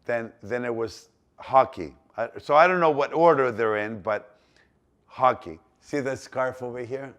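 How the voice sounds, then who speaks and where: A man's voice: mid-range voice, a little slow, fairly bright tone. Greek-accented man in his sixties reminiscing. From Greece. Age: 60s. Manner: rambling, repeats himself, many fillers and restarts. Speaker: business owner telling his life story. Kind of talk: casual personal storytelling.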